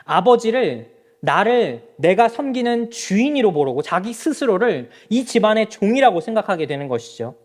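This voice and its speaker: A man's voice: high-pitched, sing-song, moderate pace. A male pastor preaching a sermon in a church, speaking straight to the congregation with rhetorical questions. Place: church sanctuary.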